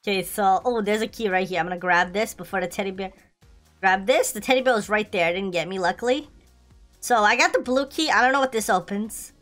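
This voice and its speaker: A woman streaming a horror game, playfully scared and excitable, slangy, repeating her phrases as she comments on the play. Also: medium pitch, brisk, soft background music. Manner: scared horror game streamer, shrieking and pleading in mock fright.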